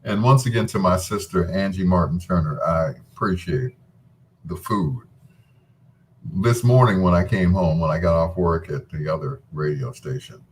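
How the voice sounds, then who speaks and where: There's a little hiss or hum behind this deep-voiced middle-aged man as he hosts a casual late-night radio show. He's laid-back and folksy, teasing his listeners.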